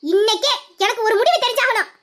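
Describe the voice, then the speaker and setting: A performer voicing a nagging, shrill middle-aged village mother, in an audio drama. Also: quick pace, a bit bright. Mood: angry scolding.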